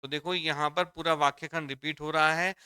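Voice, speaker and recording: Male Hindi teacher, fairly high, bright and crisp voice, dry close sound; explains patiently and repeats each point. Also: fairly even intonation, a little fast, no echo. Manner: explains step by step, repeats lines, addresses students as dear children. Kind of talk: exam-prep grammar lesson.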